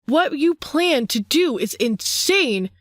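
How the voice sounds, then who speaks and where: A woman's voice: high-pitched, big pitch swings, takes it slowly, no echo, clean studio sound, pitched above the performer's own voice, exaggerated voice. A woman voicing a young vampire man pleading with his brother in an audiobook. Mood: distraught.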